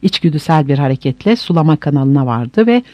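A man's voice: a little high, lively intonation, fast, darkish tone, no echo. A man narrating a novel as an audiobook, reading with dramatic expression. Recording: dry, slightly dull lo-fi recording.

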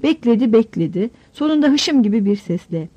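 A woman narrating a novel in measured storytelling, giving the characters voices. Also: a little high, lively intonation, warm tone, slightly rough. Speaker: audiobook narrator. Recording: dull lo-fi audiobook recording.

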